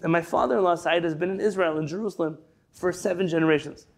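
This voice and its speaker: This fast-talking rabbi from San Diego, California has a creaky voice on the high side. Over a video call, he runs a conversational, digressive Torah class, reading out sources before explaining each one.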